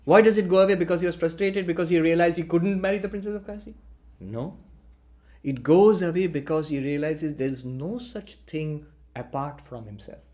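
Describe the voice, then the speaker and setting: A middle-aged man tells a parable in a spiritual talk, slipping into the characters' lines with bright jumps in pitch. His voice sits somewhat high for a man. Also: moderate pace. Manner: lively storyteller, acts out dialogue with rising pitch. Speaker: monk giving a talk.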